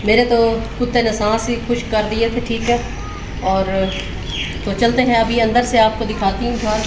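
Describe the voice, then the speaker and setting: A woman's voice: on the high side, fairly even intonation, moderate pace. Chatty Pakistani woman vlogger, roomy phone sound. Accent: Pakistani Urdu. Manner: chatty, addresses viewers as friends, points things out. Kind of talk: casual home tour vlog. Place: village house rooftop and rooms. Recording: roomy sound with clear background noise.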